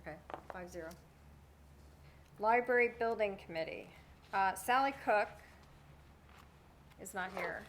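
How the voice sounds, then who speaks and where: A woman chairing a town select board meeting, moving briskly through motions and votes. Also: mid-range voice. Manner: brisk, procedural, runs votes.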